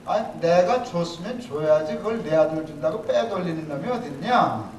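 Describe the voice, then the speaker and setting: A man's voice: on the high side, lively intonation, normal speed, a little mellow, a little hiss or hum, lightly acted. A man voicing God as a stern, exasperated male figure who rebukes someone within a sermon. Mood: scolding. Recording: echoey hall, mic from a distance.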